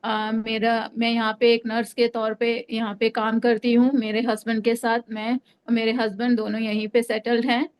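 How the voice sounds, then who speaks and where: A woman's voice: on the high side, flat delivery, normal speed, clean tone. A young adult woman from Delhi giving a personal faith testimony, hesitant, with many fillers and restarts. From Delhi, India. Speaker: testimony speaker.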